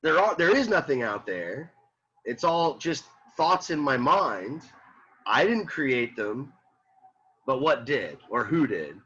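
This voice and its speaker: A man teaching a philosophy class, reading a text aloud and explaining it with lively repetition and questions to students. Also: mid-range voice, slow pace, breathy edge, highs cut off. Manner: animated, repeats himself, rhetorical questions to students.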